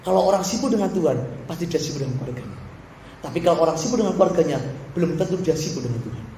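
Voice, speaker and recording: A man preaching a sermon as pastor, swinging between shouted urging and quiet asides. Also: fairly high pitch, lively intonation, racing, echoey room, a little hiss or hum, rough recording. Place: church.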